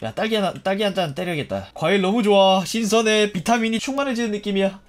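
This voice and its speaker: A man casually commenting on his own gameplay, jokey and animated, swearing and yelping at enemies. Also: high-pitched, fast. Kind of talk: casual let's-play commentary.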